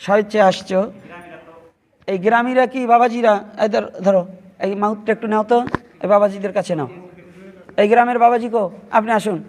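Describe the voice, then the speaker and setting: Fervent preacher guy, high voice, leads the chant. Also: steady tone, brisk, pauses often, a little mellow. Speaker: Vaishnava preacher. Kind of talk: devotional sermon to a gathering.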